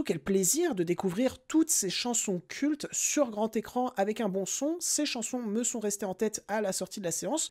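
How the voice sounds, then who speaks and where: A young man giving a casual, animated and emphatic film review on his podcast. He talks straight to his listeners. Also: high-pitched.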